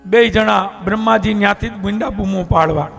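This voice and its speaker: A man narrating a devotional scripture discourse, animated and full of exclamations. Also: sits high, fairly quick, creaky, soft background music. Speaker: katha storyteller.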